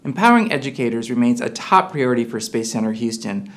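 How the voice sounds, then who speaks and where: A middle-aged man speaks as an institutional representative at a medium pitch. His delivery is formal and scripted, like a prepared statement to educators, recorded indoors in a studio. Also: animated, quick pace, a bit bright. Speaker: space education center representative. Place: indoor studio with plain backdrop.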